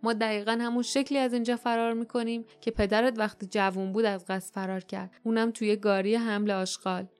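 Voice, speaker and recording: A woman voicing a gruff, stubborn grown man with dry humor in an audiobook, talking quickly and wryly. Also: fairly high pitch, little pitch movement, soft background music, natural voice.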